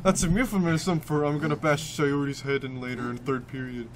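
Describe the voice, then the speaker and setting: A man's voice: fairly high pitch, fairly even intonation, brisk. A young man making silly, crude interjections in casual banter as a game co-host. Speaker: let's play co-host. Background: loud game music.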